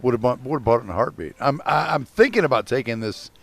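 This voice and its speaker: A man's voice: medium pitch, expressive, fast, creaky, fairly bright tone. Rambling, swearing man on a podcast. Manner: rambling, swears freely, laughs at his own stories. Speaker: podcast co-host. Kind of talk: casual chat.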